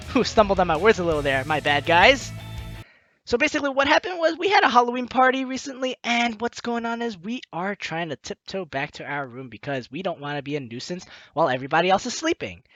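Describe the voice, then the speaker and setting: Close on the mic, a young let's play host reads a game's story with expression and adds her own commentary as she plays. Her voice is a little high and a bit bright.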